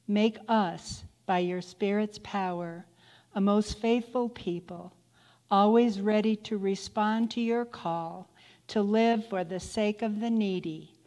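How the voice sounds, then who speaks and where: Slow woman prayer reader, cathedral echo. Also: medium pitch, mellow. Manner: slow, careful prayer reading. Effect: cathedral-like church echo. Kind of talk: reading liturgical prayers. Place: church sanctuary. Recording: long church-hall reverb.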